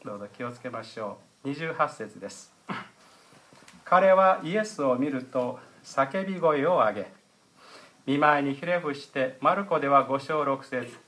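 A middle-aged man preaching a sermon as pastor, explaining in a measured way with frequent hesitation fillers. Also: medium pitch, a bit bright.

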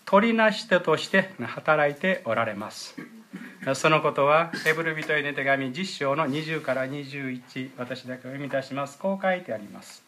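A man giving a sermon as pastor, explaining Bible verses and their original words, often clearing his throat. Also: a little high, animated, normal speed, pushed and bright, slight background noise. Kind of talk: sermon with scripture reading.

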